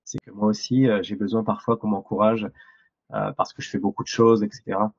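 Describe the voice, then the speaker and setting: A man's voice: lowish voice, steady tone, brisk, husky, no room sound, highs cut off. A man speaking casually and encouragingly as the leader of a group.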